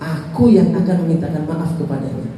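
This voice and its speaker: A man voicing a gentle, compassionate holy man, speaking slowly and softly in a lowered voice. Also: heavy reverb, recorded from a distance, lightly acted, poor audio.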